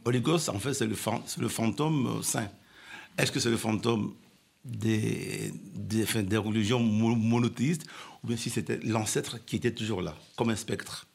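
A man answering questions as a guest expert on a radio show, halting and repeating words as he searches for the right phrasing. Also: fairly low pitch, fairly even intonation, vocal fry, breathy edge.

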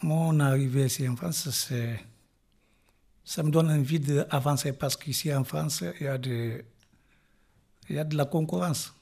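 Middle-aged guy, husky voice, halting, keeps restarting and trailing off. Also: a little high, steady tone, a little mellow. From Guinea-Bissau. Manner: halting, restarts phrases, drops off at line ends. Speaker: interviewee, refugee musician. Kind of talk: casual interview talk.

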